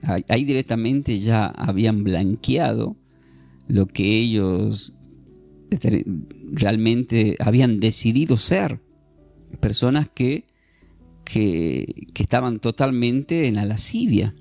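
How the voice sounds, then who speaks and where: A man teaching an informal Bible class, animated and jokey, acting out scenes and often restarting. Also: on the low side, takes it slowly, vocal fry, soft background music.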